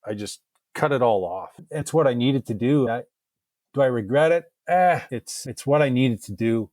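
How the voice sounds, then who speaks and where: Podcast guest: a soft-spoken man who speaks haltingly, recorded dry and close. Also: mid-range voice, expressive, dry recording. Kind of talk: reflective interview talk.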